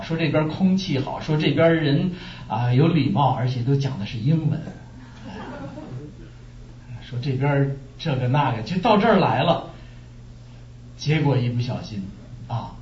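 A man from China preaching a sermon, telling stories lively and asking rhetorical questions. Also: medium pitch, a little hiss or hum. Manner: animated storytelling with rhetorical questions. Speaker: pastor. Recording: echoey room, distant muffled mic.

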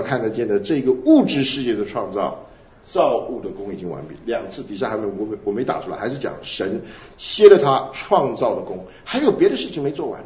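Animated man preaching in an echoey room. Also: medium pitch. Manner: animated, asks the audience questions and answers them. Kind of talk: sermon teaching. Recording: roomy, dull lo-fi recording.

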